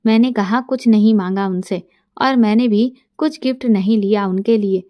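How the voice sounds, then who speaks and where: A middle-aged woman narrating a first-person story in a soft, intimate way, quoting dialogue plainly. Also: mid-range voice, normal speed, no echo, clean studio sound.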